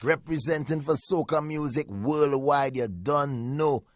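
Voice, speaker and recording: A man from Trinidad and Tobago with a Trinidadian accent, a music artist guest talking in a slow, relaxed way. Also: on the high side, no echo, studio quality.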